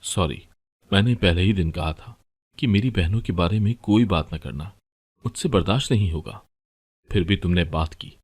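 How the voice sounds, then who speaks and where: A man voicing a stern young husband who is devoted to his sisters and speaks in a sharp, scolding way. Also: sits low, moderate pace, breathy edge. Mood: firm.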